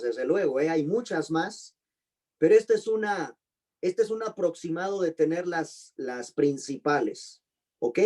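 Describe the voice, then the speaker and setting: Man teaching slowly, spelling out terms. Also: sits high, dark tone. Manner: slow, deliberate spelling-out of terms; quizzing students with questions. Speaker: pastor and teacher. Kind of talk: online class lecture.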